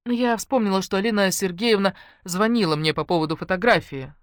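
A woman narrating a first-person novel in a wry, lively storytelling manner. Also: medium pitch, a little fast, no echo, studio quality. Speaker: audiobook narrator.

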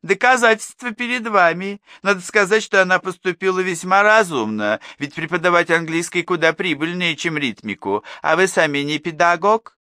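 A man's voice: high voice, lively intonation, normal speed, bright, forceful tone, no room sound, studio quality, pitched above the performer's own voice. A man doing a chatty, friendly mother. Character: friendly chatty mother, middle-aged woman. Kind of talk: audiobook character voice.

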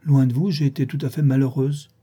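A man's voice: mid-range voice, steady tone, fairly quick, warm tone, slightly rough, natural voice. A man voicing a gushing, affected young society woman, effusive and teasing in a theatrical way.

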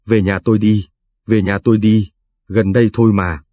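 A man reading aloud, voicing a poor, cheerful young villager who talks loudly and hurriedly. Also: on the low side, flat delivery, no room sound, close to an everyday voice. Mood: eager. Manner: loud, hurried and warm.

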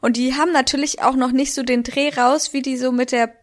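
A woman's voice: high voice, steady tone, a little fast. A woman co-hosting a casual podcast chat, gossipy and chatty, stumbling over her words now and then. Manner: chatty, gossipy, hesitant restarts. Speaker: podcast co-host.

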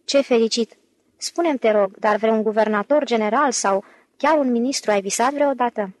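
A woman's voice: fairly high pitch, lightly acted. A woman voicing a frightened, fussy old man who wails and laments in an audiobook. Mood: eager. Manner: lamenting, exclamatory. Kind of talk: audiobook character reading.

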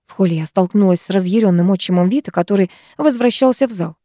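A woman narrating a novel as an audiobook. Her voice is mellow and warm, and the sound is dry and close. She lifts her pitch and energy for the young characters' lines. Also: fast talker, dry recording. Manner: lively, raising pitch for the heroine and her friends.

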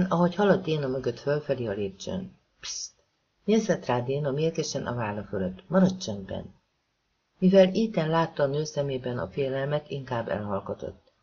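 Man, audiobook narration, mellow husky voice, muffled lo-fi sound. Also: mid-range voice. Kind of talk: audiobook reading of a thriller novel. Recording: dull lo-fi audiobook recording.

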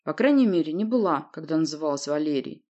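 A woman reads a sorrowful prince in a storybook. He speaks calmly, in a subdued, mournful tone. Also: low-pitched, fast talker, muffled recording.

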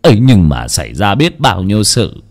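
A man's voice: lowish voice, wildly swooping pitch, normal speed. A man voicing a weary, frightened aging husband who sighs and speaks dejectedly. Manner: sighing, dejected.

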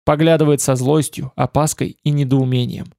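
A man narrating a novel in the first person, in a dry, wry, unhurried manner. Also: mid-range voice, little pitch movement, creaky, dark tone, no echo. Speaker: audiobook narrator.

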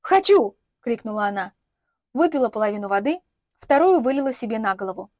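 A woman reading an audiobook in a lively, wry narrative style. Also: fairly high pitch, quick pace, dry recording, clean studio sound.

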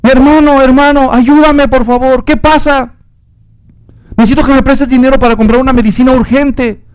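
A man voicing a desperate woman begging her brother for money, high and rushed. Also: fairly even intonation, dry recording. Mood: pleading. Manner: frantic, pleading, rushed. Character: desperate pleading sister of middle age.

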